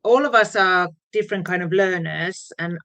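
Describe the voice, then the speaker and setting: A Finnish woman who grew up speaking Finnish and Swedish talks about her musical path as a guest DJ and producer in a casual interview. Her fairly low, fairly bright voice moves at normal speed, with a Finnish accent, fillers and frequent laughs.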